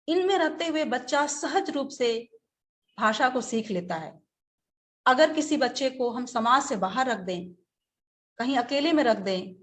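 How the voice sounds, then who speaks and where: A woman teacher giving a webinar lecture, speaking slowly and deliberately, now and then acting out short examples. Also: fairly high pitch, fairly bright tone.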